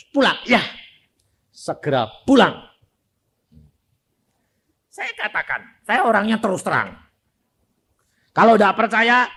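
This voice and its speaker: Animated older preacher with speech. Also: male voice, a little high. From Indonesia. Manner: animated, swinging from loud exclamations to quiet asides, acting out family dialogue. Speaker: evangelist preacher. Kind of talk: sermon with storytelling.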